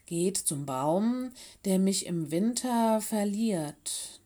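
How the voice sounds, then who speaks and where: A woman's voice: medium pitch, expressive, drawn-out words, warm tone. A woman voicing a curious, sometimes grumpy young male furry animal in a storybook reading, full of eager questions.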